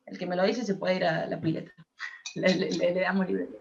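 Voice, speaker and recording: A young woman with a lowish voice, vocal fry and little pitch movement speaks at normal speed with an Argentine accent. She's an English tutor patiently explaining grammar and checking her students follow, in a dull lo-fi recording.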